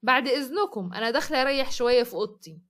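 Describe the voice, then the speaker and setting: A tired, put-upon daughter answers back with bitter sarcasm in an Egyptian accent, as a woman storyteller voices her. Her voice is high and her words come fast. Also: lively intonation, a bit bright.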